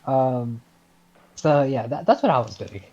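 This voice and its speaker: A young man with a Scouse accent tells a story in a loose, meandering way, and his voice swings up and down a lot. His tone is mellow and a little husky, and he swears freely. The sound comes through a dull, lo-fi mic. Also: medium pitch, expressive, measured pace. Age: late teens. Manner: rambling, swears often, chuckles at his own story. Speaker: podcast host. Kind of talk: casual storytelling.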